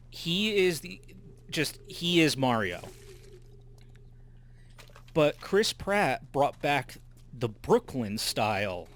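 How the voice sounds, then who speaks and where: A man's voice: mid-range voice, a bit bright, a little hiss or hum. A man in his thirties co-hosting a casual gaming chat, rambling with many fillers and restarts. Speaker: co-host.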